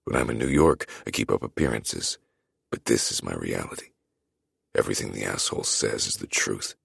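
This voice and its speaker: A man narrates an audiobook in the first person with an extremely deep, gravelly voice that has a husky edge, yet lively intonation and a fairly bright tone. His reading is brooding and measured. The recording is close and dry, with no room sound.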